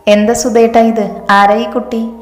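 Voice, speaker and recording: A woman's voice: fairly high pitch, level tone, measured pace, close to an everyday voice. Anxious middle-aged mother, read by a woman. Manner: anxious, questioning. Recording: echoey room with long reverb.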